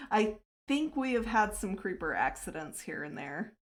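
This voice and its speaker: A woman's voice: mid-range voice, big pitch swings, unhurried. Chatty woman streamer, laughing often. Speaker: livestreamer and server host. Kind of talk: casual livestream chat while playing a game.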